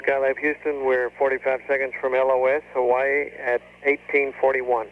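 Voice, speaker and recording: A man speaking as a mission control communicator over a radio transmission, brisk and terse in clipped procedural style. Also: medium pitch, little pitch movement, no echo. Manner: brisk, matter-of-fact, terse. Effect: muffled radio transmission. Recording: dull muffled radio audio.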